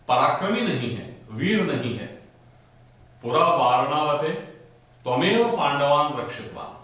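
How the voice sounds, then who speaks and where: A man with a slightly high voice explains a Sanskrit text to a class. He moves slowly through each line, with a very lively, rising and falling pitch. The sound is roomy and heavily echoed, as if the mic were some way off. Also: recorded from a distance. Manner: reads each Sanskrit line, then slowly repeats it in Hindi. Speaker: Sanskrit teacher.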